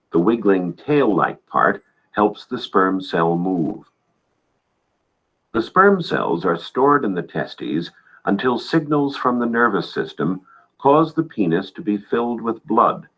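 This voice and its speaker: A man giving calm, matter-of-fact scripted narration for an educational film, heard on a dull lo-fi soundtrack. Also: lowish voice, slightly rough.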